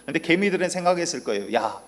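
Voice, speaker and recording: A man preaching a sermon as pastor, telling stories in a relaxed, conversational way with many pauses and fillers. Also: medium pitch. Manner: conversational storytelling with frequent fillers.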